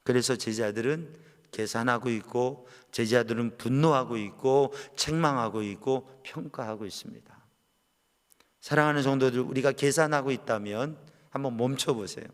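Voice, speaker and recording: Impassioned Korean pastor preaching in a reverberant church. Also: male voice, moderate pace. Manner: impassioned preaching, swinging between loud cries and quiet low asides. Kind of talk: sermon. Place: church sanctuary. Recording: long church-hall reverb.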